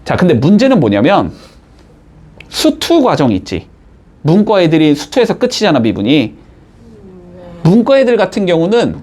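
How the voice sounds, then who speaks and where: A man teaching a math class, explaining step by step and checking in with his students with quick rising tags. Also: fairly high pitch, darkish tone. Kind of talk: classroom lecture.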